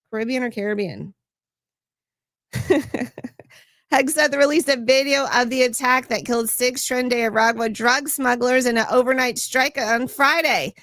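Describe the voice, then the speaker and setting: A woman's voice: a little high, a bit bright, no echo, clean studio sound. A woman hosting a livestream, reading news stories aloud and adding sarcastic asides for her chat. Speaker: host.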